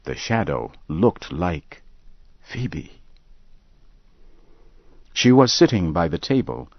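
A man narrates a story slowly and calmly, each sentence measured and clear. His voice sits very low and unhurried, recorded close and dry, with a slightly muffled, dull sound. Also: no room sound. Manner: calm and measured. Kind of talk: slow scripted story narration for learners.

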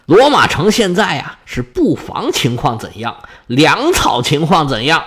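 Guy putting on a gruff bossy old king, blustery, swings his pitch all over. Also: big pitch swings, unhurried, fairly bright tone, full character voice. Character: arrogant besieging king, older man, commanding.

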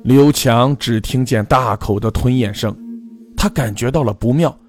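A man's voice: mid-range voice, normal speed, darkish tone. A man narrating a folk ghost story in a dramatic, scripted way. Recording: faint background music.

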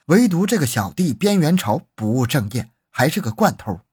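Brief: male documentary narrator, husky, animated pitch, dramatic true-crime reading. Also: normal speed, no echo, clean studio sound. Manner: dramatic, suspenseful storytelling.

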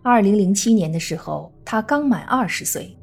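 A woman true crime narrator reading a scripted case story in a measured storytelling manner. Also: mid-range voice, expressive, vocal fry, darkish tone, slightly rough. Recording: faint music under the voice. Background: faint background music.

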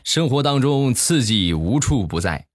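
A man hosting a comedy podcast, telling funny stories in a lively, playful way. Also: medium pitch, measured pace, soft background music. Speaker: podcast host. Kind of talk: comic storytelling.

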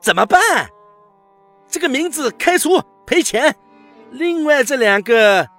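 A man voicing an arrogant, spiteful middle-aged department head who sneers and threatens in a shrill voice. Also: lively intonation, measured pace, a bit bright, faint music behind, heavily acted. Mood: sneering threat.

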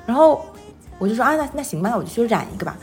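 A woman in her thirties chatting casually as an interview guest, telling personal stories in an animated, self-deprecating way. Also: a little high, rapid-fire, soft background music. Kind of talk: casual conversational storytelling.

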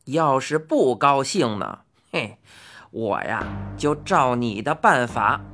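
A woman reads out a strong, cranky old man in a children's storybook. His voice sits low and drags with a grumbling, folksy ease, while still rising and falling a lot. Soft music plays faintly underneath. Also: animated, slow, exaggerated voice. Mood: gruff, bargaining. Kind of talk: storybook reading.

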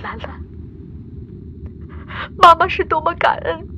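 Playing an astronaut mother in a radio drama, a woman delivers a tender, emotional voice message to her young daughter in a full character voice. Her pitch is very high and lively, her pace slow and tone sharp, and the lo-fi recording carries a little hiss or hum.

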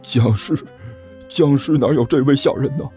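A man voicing a tired, put-upon male master who talks slowly and sighs in an audiobook. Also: darkish tone, faint music behind, close to an everyday voice. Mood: rueful. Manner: slow, sighing, low-key. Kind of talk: audiobook character voice.

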